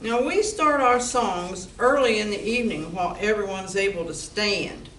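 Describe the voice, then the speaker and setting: A woman with a medium-pitched, fairly bright voice close to her everyday one speaks at normal speed. She plays a dry, businesslike, wry and practical bar owner in an amateur stage comedy radio play, captured distantly in an echoey room with background noise.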